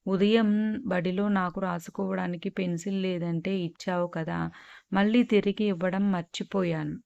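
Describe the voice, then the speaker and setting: A woman's voice: on the low side, fairly even intonation, normal speed, creaky, a little mellow, no room sound, lo-fi sound. A woman voicing a polite, earnest schoolgirl friend in a read-aloud story.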